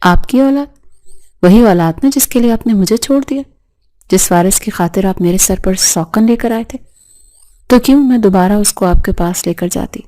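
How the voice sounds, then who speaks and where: A woman's voice: mid-range voice, warm tone, natural voice. A woman voicing a proud, hurt young mother who speaks firmly with an underlying tremble. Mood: bitter reproach. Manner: firm, reproachful.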